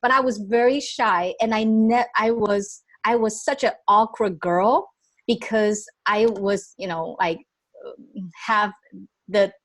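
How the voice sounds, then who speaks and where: A young Taiwanese woman, a native Chinese speaker, is a guest on a podcast in a casual interview chat, often laughing and restarting her sentences. Her voice is mid-range and her pace slow.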